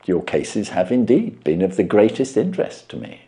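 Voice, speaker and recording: A man voicing a polite, modest gentleman doctor who speaks in a hesitant, deferential way. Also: on the low side, very animated, normal speed.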